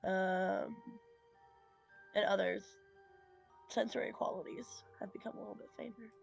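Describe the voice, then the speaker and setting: A woman's voice: mid-range voice, fairly even intonation, measured pace, vocal fry, lo-fi sound, soft background music. A woman narrating as game master of a tabletop game, hesitant with many fillers.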